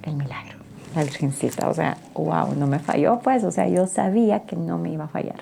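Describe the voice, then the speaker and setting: A woman's voice: low voice, fairly even intonation, moderate pace, creaky, warm tone, a little hiss or hum. A woman giving a personal faith testimony, telling her story earnestly and emotionally and often checking in with tag questions. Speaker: testimony guest.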